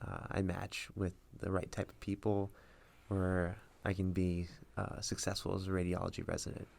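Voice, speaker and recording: A young man guesting on a podcast, with a very low voice full of gravelly fry. He answers in a measured, understated way. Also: monotone, a little mellow. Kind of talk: casual podcast interview.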